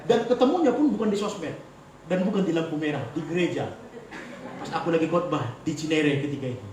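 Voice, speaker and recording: A pastor with a Batak Indonesian accent delivers a humorous sermon, telling stories with lively, animated swings of pitch. His voice sits fairly high for a man. He is heard in a roomy, echoing church hall from some distance, with faint noise behind. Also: brisk. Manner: animated, joking, storytelling.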